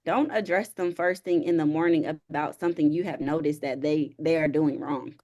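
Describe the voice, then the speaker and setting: A woman who works as a therapist and counselor, giving calm, measured advice step by step in a conversation. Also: deep voice.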